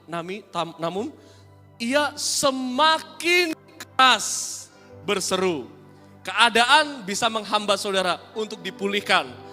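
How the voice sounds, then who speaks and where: A man preaching a sermon as pastor, swinging between hushed lines and shouts. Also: high voice. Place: church hall. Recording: long church hall reverb with faint music.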